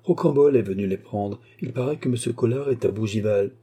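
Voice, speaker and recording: A man's voice: mid-range voice, brisk, warm tone, breathy edge. A man voicing a respectful household valet. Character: deferential male household valet.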